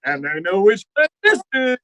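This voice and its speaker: A man's voice: high-pitched, very animated, normal speed, heavy background noise. A man playing a pompous, sarcastic town mayor in old-time radio comedy style, formal and exasperated.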